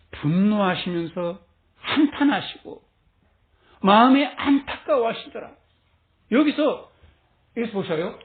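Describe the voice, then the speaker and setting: Animated male pastor, tinny recording. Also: high voice. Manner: animated storytelling, laughing often. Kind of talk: sermon.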